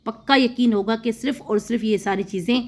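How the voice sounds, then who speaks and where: Woman, recitation teacher, patient explanatory lesson, slow repeated model words. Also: on the high side, darkish tone. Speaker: Quran tajweed and translation teacher.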